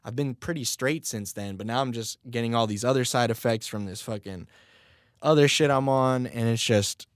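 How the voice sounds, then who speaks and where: A young man who raps and hosts his own podcast chats solo in a rambling, casual way, swearing and laughing at himself. His mid-range voice moves at normal speed with a clean tone and is still a bit strained as it recovers. The studio sound is clean, with no room noise.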